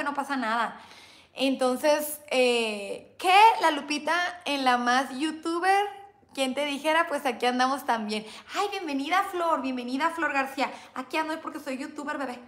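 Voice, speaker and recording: Chatty Mexican woman, high bright voice. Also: normal speed. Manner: chatty, playful, calls viewers "chamacos" and "bebé". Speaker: YouTuber hosting a livestream. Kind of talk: casual livestream chat, reading a diary.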